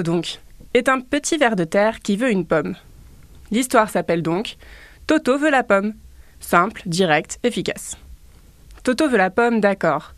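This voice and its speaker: A woman's voice: medium pitch, dry recording. A woman presenting children's books for a library, in a playful scripted style with teasing asides. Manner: reads children's book aloud with animated cries. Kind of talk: scripted radio book review.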